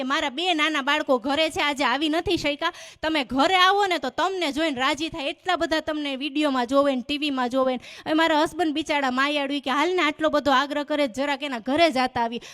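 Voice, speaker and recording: High-voiced woman doing stand-up. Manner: animated storyteller acting out dialogue. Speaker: stand-up comedian. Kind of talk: stand-up comedy storytelling on stage. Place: stage before a live audience.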